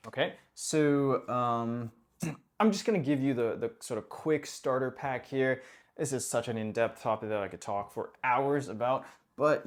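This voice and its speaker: A man giving casual dating advice as a coach, talking straight to the viewer and checking in with "okay?" and "right?" after his points. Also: mid-range voice. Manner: conversational, full of "okay?" and "right?" tags; acts out little quoted exchanges.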